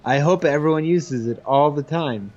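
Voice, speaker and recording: A man's voice: on the high side, normal speed, a little mellow, highs cut off. A man co-hosting a casual gameplay show, teasing his partner with dry jokes. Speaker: co-host commenting on gameplay.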